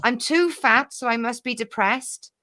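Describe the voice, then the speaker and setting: A woman's voice: a little high, unhurried, bright, forceful tone. A woman co-hosting a chat show, frank and wry in manner. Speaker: co-host. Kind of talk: casual chat.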